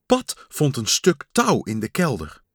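Male storybook reader, very slow and expressive, dry close mic. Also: mid-range voice, no room sound. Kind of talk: children's story read-aloud.

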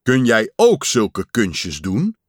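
A man's voice: on the low side, huge pitch swings, slow pace, no room sound, studio quality, heavily acted. A man reading aloud and voicing an eager, boyish storybook figure who calls out and pleads. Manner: calling out, pleading. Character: boyish male storybook friend, eager and showing off.

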